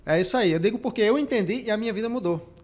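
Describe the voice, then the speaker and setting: A man's voice: high voice, rapid-fire. A man hosting a career podcast, speaking emphatically and repeating his key points as he demonstrates speaking techniques. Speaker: career coach and podcast host. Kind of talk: motivational podcast talk.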